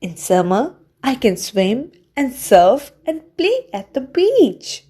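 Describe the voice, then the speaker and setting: A woman's voice: sits high, sing-song, takes it slowly, dark tone, slightly rough, heavily acted. Lady doing a young boy cat from a picture book, eager and childlike, voice swoops around. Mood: unsure.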